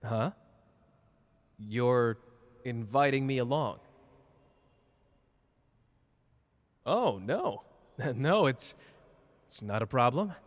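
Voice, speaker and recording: A man's voice: mid-range voice, lively intonation, slow pace, pauses often. Man acting cocky, flirty Gojo in long reverb. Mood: surprised, pleased. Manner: teasing, casual, boastful. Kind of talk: ASMR character roleplay addressed to listener.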